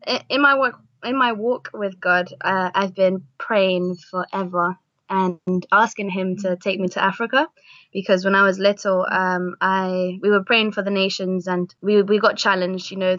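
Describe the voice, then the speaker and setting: A young adult woman, a missionary guest from Argentina, speaks in a casual interview, hesitant and full of fillers. Her mid-range voice is fairly bright, with a level tone and moderate pace. The recording is dry and muffled, with no echo.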